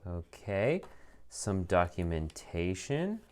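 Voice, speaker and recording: A man's voice: sits low, big pitch swings, takes it slowly, a little mellow, clear, resonant tone. A man reviewing a fountain pen as he unboxes it, chatting casually with lots of ums and some dry sarcasm.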